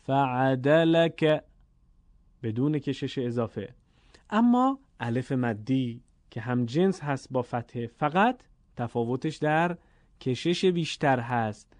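A man with a Persian accent and a mid-range voice that swings widely in pitch gives a classroom-style lesson on Quranic Arabic vowel lengths, with no echo. He draws every sound out patiently, repeating it slowly and deliberately.

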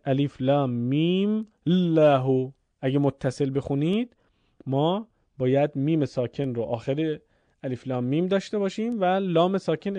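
A man teaching Quran recitation rules in a calm spoken lesson, pausing to chant examples. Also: mid-range voice, no echo. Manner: explains slowly, then chants Arabic examples.

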